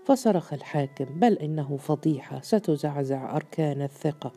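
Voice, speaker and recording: A man reads a literary tale aloud in a steady, formal narration. His voice is very dark and mellow, and faint music runs beneath the reading. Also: a little high, vocal fry. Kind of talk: scripted audiobook narration.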